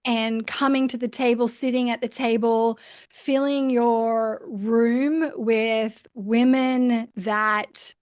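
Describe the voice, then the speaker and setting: A woman with a Canadian accent hosting a conversational interview, speaking earnestly with deliberate emphasis. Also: on the high side, steady tone, no room sound, clean studio sound. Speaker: podcast host.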